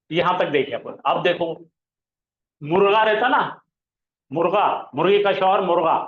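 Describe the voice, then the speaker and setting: A man teaching an Arabic grammar lesson, asking the class questions and answering them himself, and drawing out example words slowly. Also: sits high. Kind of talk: classroom lesson explaining pronunciation. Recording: echoey room, slightly dull sound.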